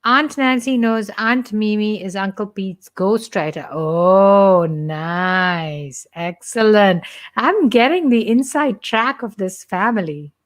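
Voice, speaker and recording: Hosting a light-hearted church live stream, a middle-aged Indian woman with an Indian accent chats casually and jokes with the people watching. She talks slowly at a medium pitch.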